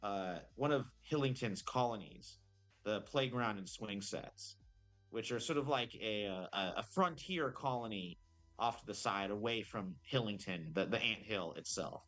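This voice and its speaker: A low-voiced man runs a tabletop game as game master, describing the scene in a loose, improvised ramble. He pauses and corrects himself often, and faint music plays underneath. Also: fairly bright tone. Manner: rambling, full of fillers and self-corrections.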